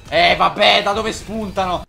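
A man giving let's-play commentary on a game, excitable and joking, swearing often as he reacts to the action. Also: high voice, measured pace, creaky. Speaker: gaming YouTuber. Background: faint game music.

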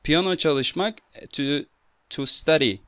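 A man's voice: fairly high pitch, a little slow, pushed and bright, no room sound, studio quality. A man in his twenties with a Turkish accent, teaching and correcting as a language tutor in simple non-native English. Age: 20s. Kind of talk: teaching conversation, correcting and explaining.

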